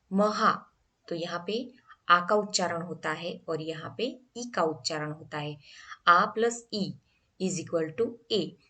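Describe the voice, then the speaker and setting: Woman, teacher, grammar lesson, unhurried, asks the class questions. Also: lowish voice, sharp tone. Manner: slow, explaining step by step with questions to the class.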